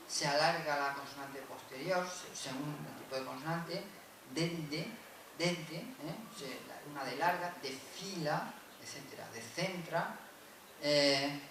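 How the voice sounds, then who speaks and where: A man delivers an academic lecture in a university room, explaining patiently and checking in with his listeners through frequent tag questions. He often stops to correct himself mid-phrase. The voice is picked up from far away in a very echoey room, with clear background noise underneath. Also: fairly high pitch.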